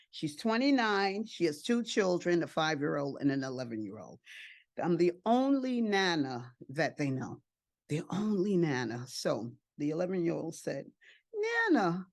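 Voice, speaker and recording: A woman's voice: mid-range voice, dry recording, clean studio sound. An older woman, an adoptive and foster parent, giving a heartfelt personal testimony and repeating phrases for emphasis. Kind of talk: emotional personal testimony speech.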